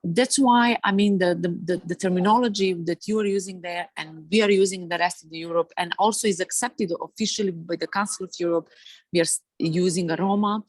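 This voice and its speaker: A woman from Serbia speaks with a Serbian accent on a webinar panel, her voice slightly low. She talks haltingly, full of fillers and restarts. The video call sound is dry and close. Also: steady tone, no echo. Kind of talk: webinar discussion.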